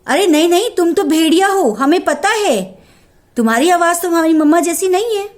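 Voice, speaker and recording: A woman voicing small, clever goat kids in a told folk tale, shouting quickly and excitedly. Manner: high, fast, excited shouting.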